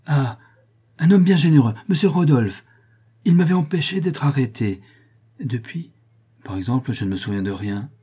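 A man's voice: mid-range voice, expressive, warm tone, breathy edge, pitched above the performer's own voice. A man voicing a bewildered feverish old father. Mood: recollecting. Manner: broken, halting and confused. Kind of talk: audiobook character voice.

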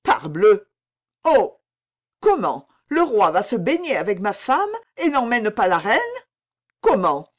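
A woman's voice: medium pitch, sing-song, a little slow. A woman reading the part of a jealous, petulant young prince who answers bitterly and indignantly.

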